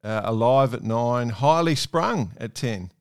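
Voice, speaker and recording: Man, podcast host, smooth clear voice, casual sports talk, no room echo. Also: mid-range voice, expressive, measured pace.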